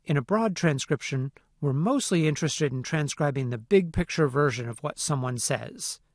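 A man narrating a phonetics lesson in a clear, methodical way. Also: on the high side, animated, moderate pace, no echo, clean studio sound. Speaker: phonetics instructor. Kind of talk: scripted lecture narration.

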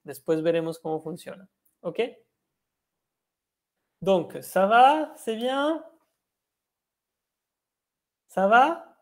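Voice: mid-range voice, sing-song, drawn-out words, long pauses. A French teacher giving an online language lesson over a video call, spelling words letter by letter and switching between Spanish explanations and French examples.

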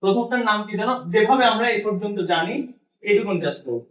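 A man from Bangladesh teaches a pronunciation lesson, and his voice sits high for a man. He drills his students with questions and has them repeat after him. He is recorded from across an echoey classroom. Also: animated, fast, distant mic. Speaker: English teacher. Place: madrasa classroom.

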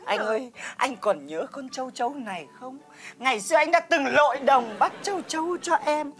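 A woman's voice: expressive, fairly quick, fairly bright tone. A brash foul-mouthed village woman. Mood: sentimental. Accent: Northern Vietnamese. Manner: theatrical, swings from sweet to shrill cursing. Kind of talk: stage comedy sketch.

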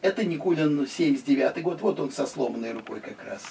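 A man's voice: medium pitch, fast talker, gravelly, far from the mic, a little hiss or hum. A man in his sixties from Russia, chatting as he shows visitors around his small home museum, pointing at one picture after another. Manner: lively, chatty, gesturing at photos. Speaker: private museum owner and guide. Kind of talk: casual guided tour. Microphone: handheld camera following him.

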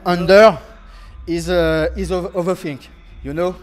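A young French man, a fighter being interviewed after a bout, speaking halting, broken English with a French accent and repeating words as he searches for them. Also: high-pitched, steady tone. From France. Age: young adult. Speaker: MMA fighter. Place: indoor event backdrop interview area. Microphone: handheld interview microphone held close.

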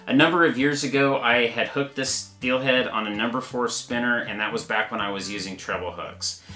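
A man's voice: mid-range voice, normal speed, pushed and bright, reverberant, faint music behind. A man hosting a fishing channel, explaining gear in a plain, practical, step-by-step way. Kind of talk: gear review talk to camera.

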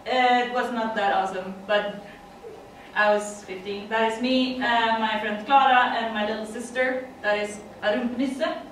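With a voice that's a little high and fairly even in intonation, she speaks unhurriedly while slight background noise lingers. She is a middle-aged conference speaker from Sweden, giving a chatty English talk with a Swedish accent, many laughs and fillers. The sound is distant and echoey, taken by a far room mic in a dim conference room.

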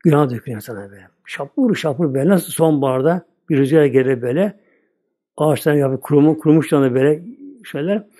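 An older male preacher talks through a religious lesson in a loose, conversational way, circling back over the same phrases. His voice sits a little high and sounds soft and mellow. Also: quick pace. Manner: plain conversational preaching, repeats "böyle". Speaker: Islamic preacher. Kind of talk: religious sermon talk.

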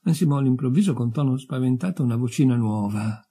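A man reading a literary story aloud in a measured, expressive way. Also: medium pitch, slightly rough. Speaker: audiobook reader.

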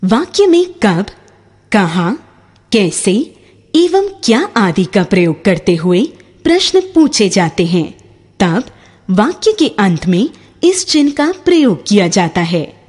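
A woman narrating a scripted grammar lesson, reading example sentences slowly and deliberately. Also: medium pitch, big pitch swings, a little mellow, breathy edge. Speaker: teacher narrator.

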